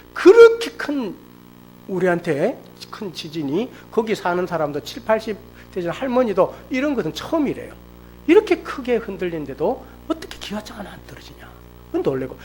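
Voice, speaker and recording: A middle-aged man preaching a sermon at a church service, telling a personal story with lively, acted-out storytelling. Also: high-pitched, slight background noise. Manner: animated storytelling, acts out quoted speech. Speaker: pastor. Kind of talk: sermon testimony.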